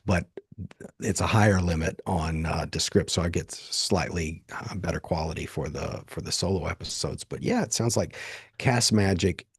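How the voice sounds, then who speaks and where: A man's voice: sits low, moderate pace, breathy edge, no echo, clean studio sound. A man with an Appalachian accent, hosting a podcast interview in casual conversation over a video call. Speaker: podcast host. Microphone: video call, close dry mic.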